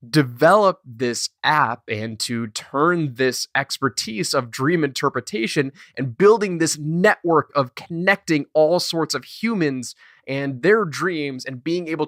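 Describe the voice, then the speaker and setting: A man hosting a business podcast, delivering an energetic intro and then interviewing a guest. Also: mid-range voice, no echo, clean studio sound. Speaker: podcast host.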